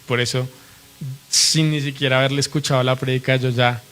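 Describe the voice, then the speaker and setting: Male preacher, steady and level delivery, earnest and reverent, keeps checking in with the room. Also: medium pitch, fairly quick. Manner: earnest, reverent teaching with rhetorical questions to the congregation. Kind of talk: sermon.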